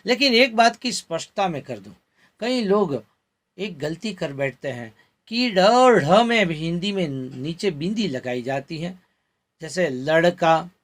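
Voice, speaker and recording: A man's voice: high-pitched, lively intonation. A middle-aged man teaching a Hindi grammar lesson from slides, carefully repeating each example word to show its pronunciation. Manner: slow, deliberate, repeats example words for pronunciation.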